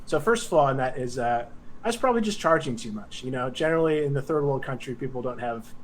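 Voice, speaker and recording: A man from Tanzania telling a story as a podcast guest in an animated way, checking in with listeners as he goes. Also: mid-range voice, fast talker, poor audio.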